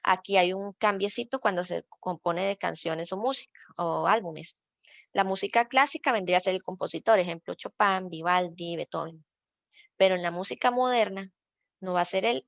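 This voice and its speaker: Patient woman teacher, gravelly voice. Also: lowish voice, fairly bright tone, dry recording. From Costa Rica. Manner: patient, explains step by step with slides. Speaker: librarian teaching citation style. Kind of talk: online workshop lesson.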